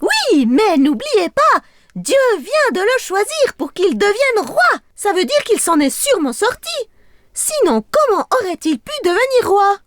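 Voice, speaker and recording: Mila a squeaky little girl. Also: very animated, a little slow, exaggerated voice. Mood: eager. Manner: squeaky, eager. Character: small clever girl, Mila.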